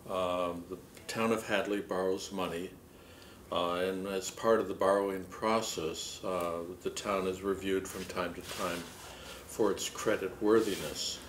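A middle-aged man with a low-pitched voice hosts a public access TV report. He presents formally and plainly, like an official giving prepared information. The room is echoey, with some noise behind him. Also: steady tone, a little slow. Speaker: town administrator hosting a public access TV report. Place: indoor wood-paneled meeting room, seated at a table. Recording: roomy echo with clear background noise.

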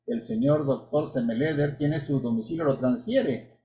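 A man giving a narrated slideshow lecture, measured and explanatory, with pauses and restarts. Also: medium pitch, mellow, a little hiss or hum. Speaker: history author and lecturer. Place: indoor room, webcam inset.

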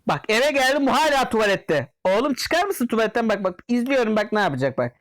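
A man giving casual let's-play commentary, jokingly scolding and yelling at the customers in the game. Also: very high voice, sing-song, quick pace, no room sound. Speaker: gameplay commentator.

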